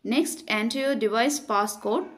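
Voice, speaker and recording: Speaking in a fairly high pitch, a woman narrates a scripted step-by-step tutorial with measured, instructive delivery.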